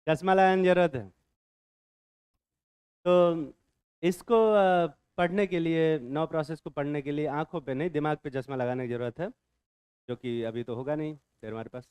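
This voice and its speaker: A man's voice: a little high, steady tone, moderate pace, pauses often, darkish tone, clean tone, no echo. A male chemistry teacher, lecturing a class in a bantering way, quizzing students and answering his own questions.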